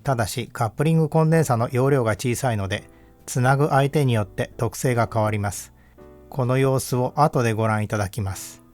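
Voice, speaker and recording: A man giving calm, measured, scripted narration that explains equipment test results step by step. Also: medium pitch, faint music behind. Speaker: audio equipment reviewer. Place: voice-over.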